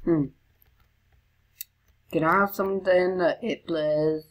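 A woman giving chatty let's play commentary while gaming, now and then breaking into high excited squeals. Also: takes it slowly. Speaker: gamer.

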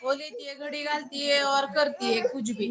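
A woman's voice: sits high, steady tone, moderate pace, a crowd in the background. A woman on a casual home live stream, coaxing and scolding a crying child. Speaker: vlogger.

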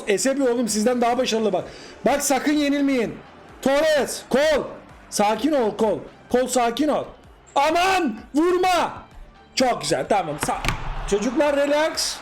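A young Turkish gaming YouTuber with a high voice gives excited live commentary on his gameplay. He's animated, exclaiming and repeating short cries at the screen.

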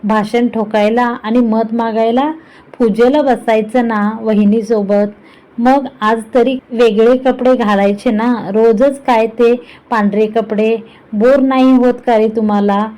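A woman's voice: on the high side, steady tone, unhurried, warm tone, close to an everyday voice, low-quality recording. A woman voicing a cheeky, talkative young man teasing his older brother in a storybook reading. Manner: chatty, cheeky, playful.

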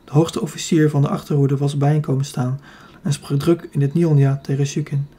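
Dutch guy reading a kids fantasy audiobook, kinda husky, mellow tone, pretty flat delivery. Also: fairly high pitch, brisk. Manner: steady reading with occasional slips and self-corrections. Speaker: audiobook narrator. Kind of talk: scripted narration of a children's fantasy book.

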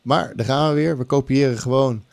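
A middle-aged man runs a casual music production tutorial by screen recording from a small room at home, working English phrases in. His gravelly, medium-pitched voice moves fairly quickly, close to a large boom-arm condenser mic, while music loops play.

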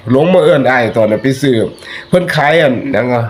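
A man's voice: medium pitch, expressive, fast, a little hiss or hum. A man with an Isan accent giving chatty, folksy spoken commentary that turns into preachy warnings to his listeners. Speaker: online commentator.

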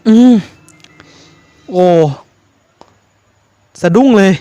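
A man's voice: extremely slow, mellow, no room sound. A man commentating a horror game for his viewers, jumpy and swearing casually. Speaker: gaming YouTuber.

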